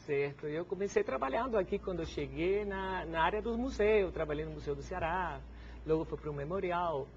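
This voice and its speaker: A woman, a Spanish speaker, answering in a TV interview as guest; she speaks haltingly and keeps adding little "no?" tags. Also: fairly low pitch, lively intonation, darkish tone. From Cuba. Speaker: guest, filmmaker and museologist. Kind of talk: TV interview conversation. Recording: dull TV broadcast sound with faint hiss.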